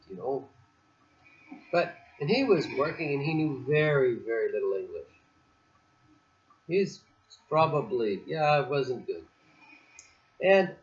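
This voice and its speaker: A man chatting casually on a beach, telling a story in a rambling, digressive way with many restarts. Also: mid-range voice. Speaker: host. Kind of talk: casual chat. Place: outdoors on a beach. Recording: dull lo-fi recording.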